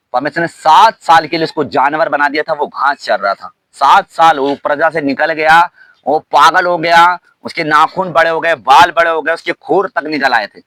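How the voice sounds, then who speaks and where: A man pastor preaching a sermon, shouting hallelujah often and asking the congregation questions. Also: a little high, dry recording, low-quality recording. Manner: preaching with frequent hallelujahs and call-and-response questions.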